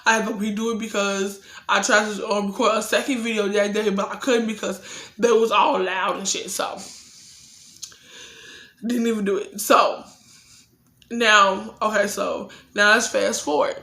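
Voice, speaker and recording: A woman's voice: mid-range voice, little pitch movement, unhurried, fairly bright tone, echoey room. A young woman telling a casual, profane storytime and acting out her own heated replies.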